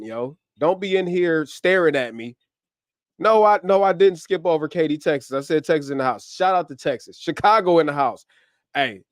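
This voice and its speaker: A man's voice: fairly high pitch, clear, resonant tone, dry recording. Upbeat slangy man, dry close sound. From US, grew up in Ohio. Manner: upbeat, slangy, giving rapid shout-outs to viewers. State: short on sleep. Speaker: livestream host. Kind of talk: casual livestream chat. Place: home. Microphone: camera mic on a livestream setup.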